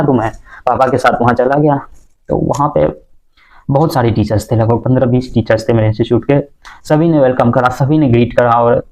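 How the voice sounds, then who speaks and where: A man's voice: mid-range voice, darkish tone, rough recording. A young man telling the story of his entrance exam day in a casual, hesitant way, with many fillers and restarts. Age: young adult.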